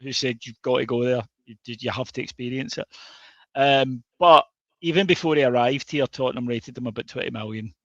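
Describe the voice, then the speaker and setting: Talking briskly in a mid-range voice with fairly even intonation, this Scottish podcast co-host discusses football casually. He's hesitant, full of fillers and restarts, and the audio is dry, dull, and lo-fi.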